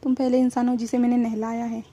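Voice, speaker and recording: A woman's voice: fairly high pitch, level tone, fast talker, warm tone, lightly acted. Woman reading as a cocky rich young man. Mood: grumbling.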